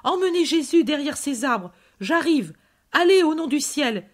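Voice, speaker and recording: A woman's voice: a little high, normal speed, natural voice. A woman voicing a bold, defiant male disciple barking commands at a hostile crowd.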